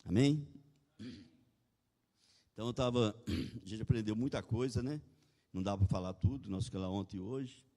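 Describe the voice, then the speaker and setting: A man's voice: on the low side, normal speed, pauses often, dark tone. A man preaching a sermon, reading scripture aloud and then retelling it, calling for amens as he goes. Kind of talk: sermon with guided imagining. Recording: long hall reverb.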